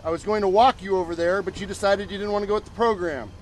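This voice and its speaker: A man's voice: sits high, fairly even intonation, quick pace, a little hiss or hum, poor audio. A man working as a police officer, giving curt, scolding commands during an arrest outdoors, recorded on a body camera. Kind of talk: stern orders during an arrest. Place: outdoors by a patrol car.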